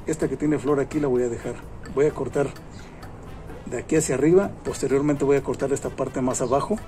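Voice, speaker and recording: Mellow-voiced man teaching gardening outdoors. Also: medium pitch. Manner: chatty, repeats himself, many fillers. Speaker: gardening channel host. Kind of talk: casual gardening tutorial. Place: outdoor garden among plants.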